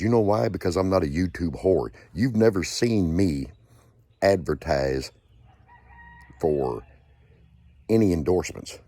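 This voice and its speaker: A man's voice: low voice, warm tone, husky, dry recording. A man hosting his own channel, delivering an angry, profane rant with lots of repetition. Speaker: channel host.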